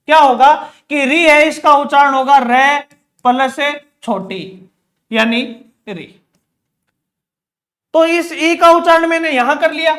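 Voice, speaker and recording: A man's voice: extremely high pitch, a bit bright. A man teaching an exam-prep grammar lesson, asking questions and answering them himself, repeating key words. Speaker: Hindi teacher.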